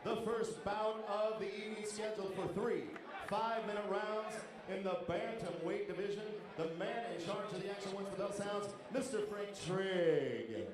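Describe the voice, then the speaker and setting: Echoing, high-pitched male ring announcer, showy delivery. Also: moderate pace, crowd noise. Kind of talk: formal fight-night ring announcing. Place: event venue at a live fight night. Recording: roomy echoing hall, distant, noisy.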